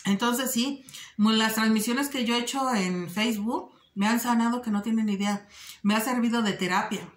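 A woman with a slightly high voice speaks earnestly to her viewers in a casual vlog. She talks directly to the audience and often stops on little fillers as she thinks. The room is noticeably roomy and echoey around her. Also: normal speed. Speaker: vlogger giving advice. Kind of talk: casual direct-to-camera talk.

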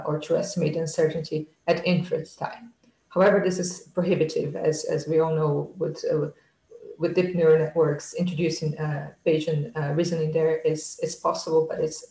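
A keynote speaker giving a technical lecture over slides on a video call, talking in a halting way with many restarts and fillers. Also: medium pitch, vocal fry, warm tone, echoey room, rough recording. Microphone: video call webcam.

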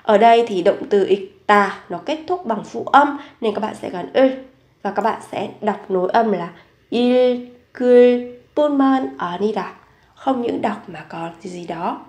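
A woman teaching a grammar lesson, explaining example sentences slowly and carefully and reading model sentences aloud more quickly. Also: mid-range voice, echoey room. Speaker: Korean language teacher.

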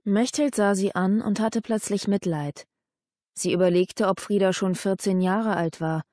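A woman reading a historical novel as an audiobook narrator, with steady storytelling delivery on a close studio mic. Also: mid-range voice, a little slow, no room sound.

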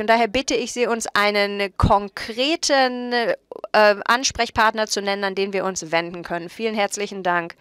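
A woman working as a simultaneous interpreter at a conference panel, relaying several speakers in a steady voice and often correcting herself mid-phrase. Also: a little high, clear, resonant tone, no echo.

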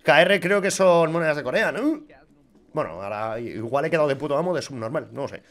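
A man doing crude, joking, excitable reaction commentary on gaming clips. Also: fairly high pitch, a little fast. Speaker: gaming YouTuber.

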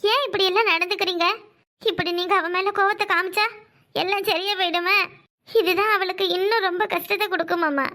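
A woman's voice: very high-pitched, fairly even intonation, brisk, bright, forceful tone. A woman voicing a caring, motherly village housewife in a cartoon, speaking in a soothing, pleading way. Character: kind caring village housewife, middle-aged. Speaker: cartoon voice actor. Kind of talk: cartoon voice acting.

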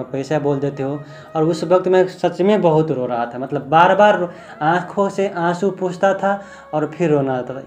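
A man's voice: on the high side, darkish tone. A young man vlogging heartfelt about his family, speaking plainly as a father. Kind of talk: emotional family vlog talk.

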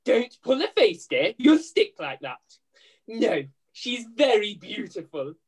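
A woman's voice: mid-range voice, big pitch swings, takes it slowly, a little mellow, breathy edge, exaggerated voice. A woman playing a downtrodden, blustering widowed mother who runs a laundry, in hammy, plaintive pantomime style. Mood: brisk, scolding. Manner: exaggerated, plaintive, addressing the audience. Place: room at home, video call.

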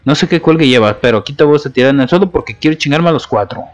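A man's voice: on the high side, animated, racing. Taunting Mexican man commentating gameplay. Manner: taunting, playful trash talk at opponents.

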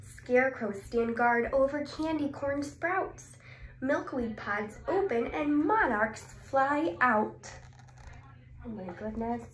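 A high-pitched speech therapist in her twenties reads a children's picture book expressively, exclaiming and asking questions, then pausing before answering them. She's in a small indoor clinic room, and the recording has a roomy echo with clear background noise.

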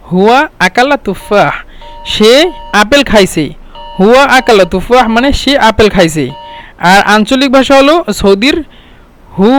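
Man from Bangladesh, high smooth voice, casual language teacher, repeats himself a lot, dry close recording. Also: fairly bright tone, no room sound. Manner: explains with many restarts and repeated words, slowing to spell out Arabic words. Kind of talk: casual spoken lesson. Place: home.

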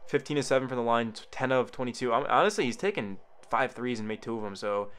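Man, casual live game reaction, rambling, talks to viewers, bursts into shouts on big plays. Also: medium pitch, fast, clear, resonant tone. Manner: excitable, jumps to loud shouts on big plays.

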